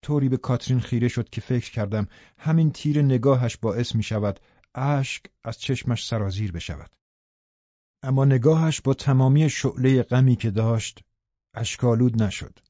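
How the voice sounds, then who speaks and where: A male narrator reading a classic novel in a measured, steady way. His voice is mellow and dark-toned. It comes across a dry, slightly muffled audiobook recording. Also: medium pitch, no echo. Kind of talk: scripted literary narration.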